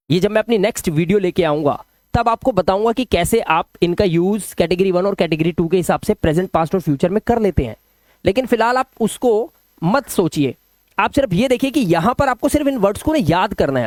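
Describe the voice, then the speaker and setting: A man's voice: sits high, a little mellow, no echo, studio quality. A male teacher giving a beginner language lesson in a patient, repetitive way, often telling listeners to pay attention. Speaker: English teacher.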